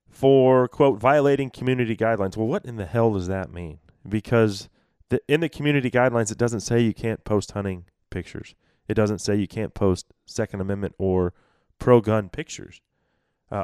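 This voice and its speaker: A man's voice: lowish voice, a little mellow, smooth, no echo, studio quality. A man hosting an outdoors talk radio show in a folksy, plain-spoken way.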